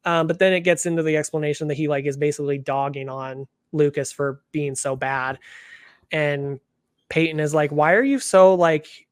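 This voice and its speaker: A man co-hosting a podcast in casual chat, talking fast with lots of fillers and quoting others in little acted voices. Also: on the high side, flat delivery, clear, resonant tone, dry recording, studio quality. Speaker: podcast co-host.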